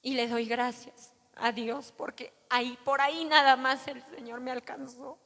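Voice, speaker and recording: High-voiced woman preacher in a reverberant hall. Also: steady tone, unhurried, fairly bright tone. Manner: earnest, addresses listeners as brothers. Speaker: pastor. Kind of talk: testimony sermon.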